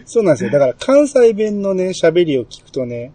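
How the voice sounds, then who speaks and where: A man with a Kansai accent hosting a casual podcast chat, relaxed and chatty, with many fillers and small laughs. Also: high-pitched, a little fast, dry recording. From Kansai, Japan. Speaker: podcast host.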